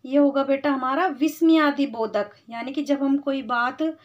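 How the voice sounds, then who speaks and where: A woman's voice: sits high, fairly even intonation. A woman teaching Hindi grammar to children, patiently explaining and calling them "beta". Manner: patient, explains slowly, calls students beta. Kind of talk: classroom lesson for children. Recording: slightly dull lo-fi sound.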